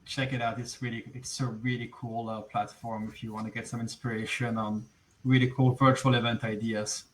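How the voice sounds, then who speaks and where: A man's voice: medium pitch, level tone, normal speed, fairly bright tone. A man from Belgium whose first language is French, speaking English with a Belgian French accent as he hosts a webinar over a video call, friendly and full of fillers and restarts. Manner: friendly, laughs often, many fillers and restarts. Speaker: webinar host. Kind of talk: casual webinar hosting.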